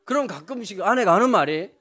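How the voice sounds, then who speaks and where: A man's voice: high-pitched, animated, fast, pushed and bright. A male pastor giving a sermon, who tells humorous anecdotes and addresses the congregation directly.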